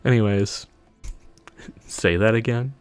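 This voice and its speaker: A man's voice: lowish voice, slow pace, clean tone, no echo, soft background music. A man casually chatting while streaming a video game, loose and sweary with frequent laughs. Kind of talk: casual gameplay livestream chat.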